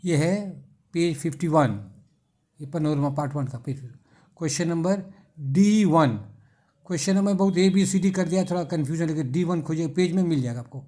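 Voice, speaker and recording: A man's voice: fairly high pitch, moderate pace, warm tone. A middle-aged male teacher, explaining an English textbook exercise and patiently spelling words out letter by letter.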